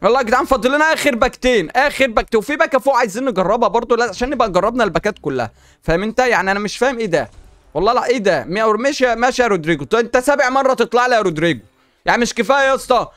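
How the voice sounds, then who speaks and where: Rapid-fire excitable Egyptian man, high voice. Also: dry recording. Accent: Egyptian Arabic. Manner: animated, exclaiming and talking to the game. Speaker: gaming YouTuber. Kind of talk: excited pack-opening commentary.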